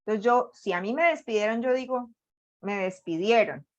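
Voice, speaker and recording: A Colombian woman with a Colombian accent leading an online workshop on job interviews, speaking with lively, deliberately varied intonation. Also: a little high, lo-fi sound. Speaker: workshop facilitator.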